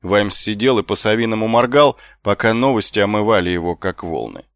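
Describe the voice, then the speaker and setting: A man narrating an audiobook in an expressive storytelling manner. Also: fairly low pitch, brisk, no echo. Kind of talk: scripted narration. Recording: dry close audiobook with faint music.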